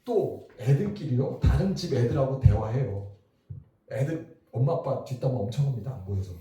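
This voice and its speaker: A middle-aged man preaching a revival sermon as pastor, lively and asking the congregation questions. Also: mid-range voice, moderate pace, heavy reverb, far from the mic. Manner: lively, talks to the crowd with questions. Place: church hall.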